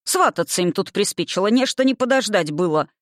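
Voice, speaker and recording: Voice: mid-range voice, animated, a little fast, fairly bright tone, no echo, clean studio sound, close to an everyday voice. The reader voicing a blunt old male cossack chief in an audiobook, folksy and grumbling.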